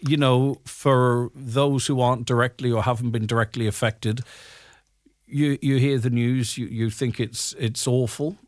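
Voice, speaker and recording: A man's voice: medium pitch, fairly even intonation, measured pace, no echo. A man with an Irish accent hosting a current affairs radio interview. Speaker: radio host.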